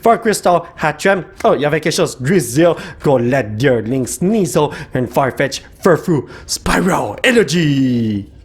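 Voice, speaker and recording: A young man with a Quebec French accent, his voice slightly hoarse from shouting, excitedly opening card packs, rattling off card names and breaking into laughter. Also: fairly high pitch, a little slow.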